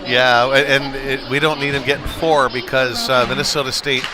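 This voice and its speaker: A man calls youth ice hockey live from an indoor rink, his mid-range voice staying fairly flat at a normal speed. His play-by-play is conversational, full of filler words and casual asides, over the noise of the live rink broadcast.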